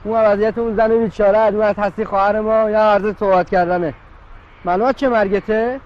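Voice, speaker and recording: Man voicing a high squeaky cartoon assistant director, bossy, scolding, muffled lo-fi. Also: steady tone, lightly acted.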